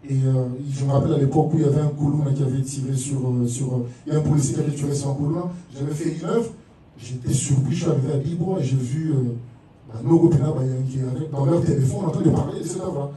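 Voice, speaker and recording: With a steady, dark, medium-pitched voice, a Congolese French-accented artist talks quickly and informally during a panel discussion, often repeating words. The sound is distant and very echoey, with a bit of background noise.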